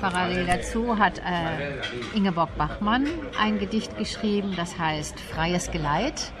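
As an interview guest, a woman with a voice on the low side explains literature in a thoughtful, deliberate, and articulate way. Crowd noise can be heard in the background.

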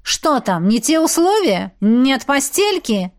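A woman voicing a jealous, hot-tempered young male shapeshifter in an audiobook, gruff and needling. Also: high voice, big pitch swings, slow, pitched above the performer's own voice, heavily acted. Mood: mocking. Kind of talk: audiobook character reading.

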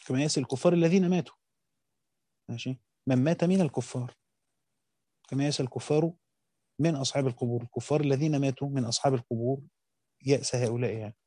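A man's voice: medium pitch, steady tone, very fast, pauses often, mellow, no echo. An Egyptian man teaching a lesson, reading passages from a classical text aloud and explaining them in colloquial speech.

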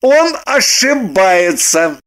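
A woman voicing a grumpy, blunt adult brother with a gruff, scolding way of talking. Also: medium pitch, big pitch swings, extremely slow. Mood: irritated.

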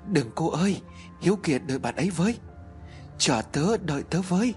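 A man's voice: on the high side, animated, a little fast, a little mellow, soft background music, pitched above the performer's own voice, natural voice. A man doing a desperate, tearful young girl. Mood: pleading. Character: frightened, grieving teenage girl.

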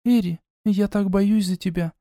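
A man's voice: high-pitched, fairly even intonation, moderate pace, dark tone, dry recording, studio quality, voice pushed up. A man voicing an earnest, anxious young woman, the hero's elder sister, with an emotional, pleading way of speaking. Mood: sad, pleading.

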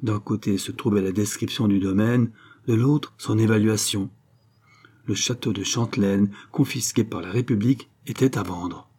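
A man narrating a historical novel in an audiobook reading, in a measured, dramatic way. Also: on the low side, mellow, slightly rough.

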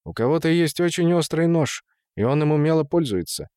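A man reading an audiobook, voicing a measured, matter-of-fact male police inspector. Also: on the high side, animated, darkish tone, clean tone, no room sound, studio quality, pitched above the performer's own voice, natural voice.

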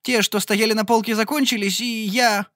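A woman's voice: fairly high pitch, steady tone, normal speed, fairly bright tone, no room sound, clean studio sound, voice pushed up, natural voice. A man voicing a clumsy, anxious young shop girl who pleads and sobs in an audiobook. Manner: pleading, breathless.

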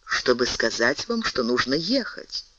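A man voicing a scheming male bishop who speaks softly but commandingly. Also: mid-range voice, big pitch swings, measured pace, no echo, dull audio, pitched below the performer's own voice, full character voice. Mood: hushed. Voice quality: soft, hushed, urging.

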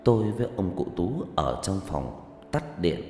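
A man narrating a first-person story in a lively, conversational way. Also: sits low, unhurried. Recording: echoey room with faint music.

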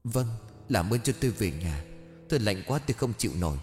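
A man's voice: lowish voice, lively intonation, fairly quick, darkish tone, soft background music, lightly acted. Pleading woman ghost performed by a male narrator, thin trembling delivery, shivering, for audio horror.

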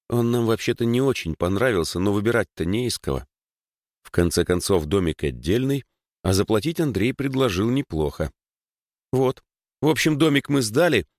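A man's voice: fairly low pitch, no room sound, clean studio sound, pitched above the performer's own voice, natural voice. A man voicing a chatty young village girl. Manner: talkative, explaining at length.

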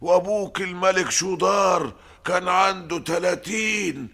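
An Egyptian-accented man playing an eccentric royal priest in a theatrical fantasy drama, declaiming in drawn-out rhymed proverbs. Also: high voice, gravelly, bright, forceful tone, full character voice. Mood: emphatic preaching. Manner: declamatory, drawn-out sing-song rhyming.

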